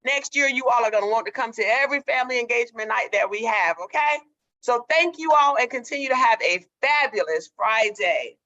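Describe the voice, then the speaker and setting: A woman's voice: a little high, fairly quick, muffled recording. A woman school staff member speaking over a video call on the school intercom, giving effusive thanks. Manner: warm, effusive thanks, repeating herself. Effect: heard over a video call on the intercom. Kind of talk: school morning announcement.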